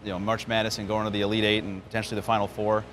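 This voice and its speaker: Speaking rapid-fire in a fairly low, bright-toned voice with flat delivery, this radio play-by-play man for baseball fields interview questions like he's swapping stories. He hails from New York. Outdoor ambience from the spring training ballpark comes through clearly.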